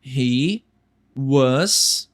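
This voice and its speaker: A young man with a Brazilian Portuguese accent teaching an English lesson, slowly repeating words for the viewer. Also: medium pitch, animated.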